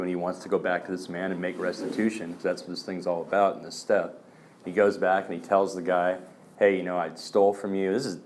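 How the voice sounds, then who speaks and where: A man shares casual personal stories at a recovery meeting, loose and rambling, leaning on fillers like "man" and "um." His voice sits low and a little mellow, with slight background noise.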